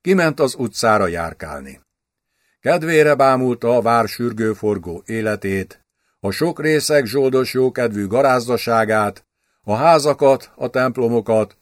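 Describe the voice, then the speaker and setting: A man narrates a historical novel for an audiobook, his medium voice rising and falling with lively shape. The recording is dry and close, with no room echo. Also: mid-range voice. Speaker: audiobook reader.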